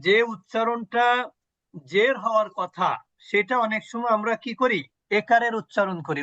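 High bright-voiced male teacher, dry lo-fi. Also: no room sound. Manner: patient, asks the class questions and repeats sounds. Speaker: Quran recitation teacher. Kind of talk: online tajweed class. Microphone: video call.

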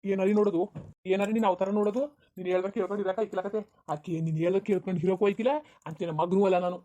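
A bossy, quick-tempered village husband, as a performer voices him in a cartoon quarrel. He berates his wife. His words tumble out at a rushing speed. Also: medium pitch, fairly even intonation, muffled recording, natural voice. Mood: angry berating. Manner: shouting, berating, rapid. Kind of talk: cartoon voice acting.

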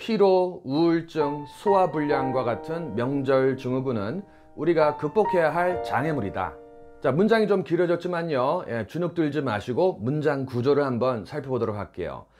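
A male English teacher teaches a lesson with an animated, rising-and-falling voice. He explains clearly and reads English model sentences slowly and deliberately so that listeners can repeat after him. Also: mid-range voice. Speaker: English teacher and channel host. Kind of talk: instructional lesson.

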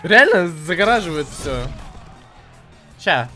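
A young man giving casual, excitable live commentary while streaming a video game. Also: fairly high pitch, takes it slowly, faint music behind. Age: young adult.

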